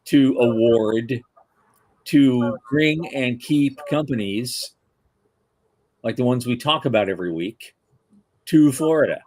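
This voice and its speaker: A man's voice: mid-range voice, slow pace, long pauses, no room sound. Chatty male podcast host, dry sound. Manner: chatty, informal, lively asides. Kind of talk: casual interview chat.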